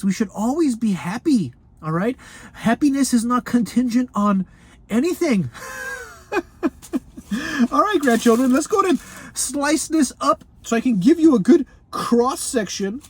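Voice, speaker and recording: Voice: mid-range voice, a little mellow. A food review show host in a casual, unscripted video, chatty and folksy, often laughing and calling the viewers grandchildren. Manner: chatty and folksy, calls viewers grandchildren, speaks of self in third person; laughs often between remarks. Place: Los Angeles.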